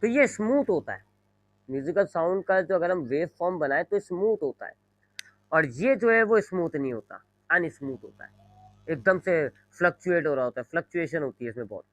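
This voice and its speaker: A man's voice: a little high, animated, a little fast, a bit bright, dry recording, rough recording. A male physics teacher, giving a classroom lecture, explaining with repeated everyday examples and drawing on a board as he talks. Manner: explains with repeated examples, frequent "जी", mixes English terms; draws on a board while talking. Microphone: microphone.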